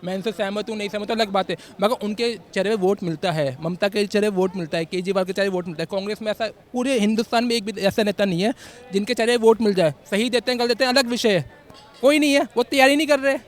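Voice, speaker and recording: A man's voice: high-pitched, steady tone, quick pace. A man on a city street giving an argumentative political opinion to a reporter, conceding points before pressing his own. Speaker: passerby interviewed on the street. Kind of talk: street vox-pop opinion.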